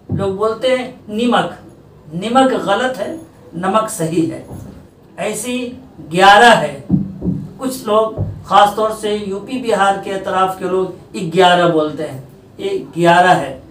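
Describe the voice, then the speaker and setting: Man, teacher, pronunciation lesson, deliberate repetition, unhurried delivery, faint background noise. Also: high voice, fairly bright tone. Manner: deliberate, repeating words to contrast right and wrong forms. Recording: roomy, distant mic, faint background noise.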